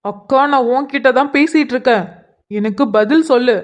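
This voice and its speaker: In cartoon voice acting, a woman with a high-pitched, natural voice at normal speed plays an earnest young man. He probes his older sister with pleading, insistent questions again and again.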